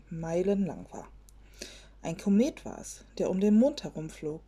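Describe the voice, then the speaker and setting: A woman reading a children's fairy tale aloud in a gentle storybook manner, sometimes dropping to a hush. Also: on the low side, slightly rough.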